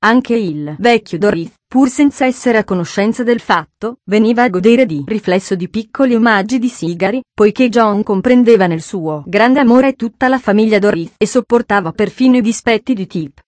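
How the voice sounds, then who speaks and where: A woman reading a classic novel aloud as narrator, in a measured, steady storytelling manner. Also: mid-range voice, no echo.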